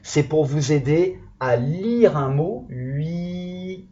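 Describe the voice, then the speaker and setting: A man teaching young children in a lively, sing-song voice that rises and falls a lot. His tone is slightly husky and a little high, and he speaks slowly, drawing out each key word so small children can follow. The recording sounds dull and lo-fi. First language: French. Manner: patient, slow and encouraging, stretching out key words. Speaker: primary school teacher.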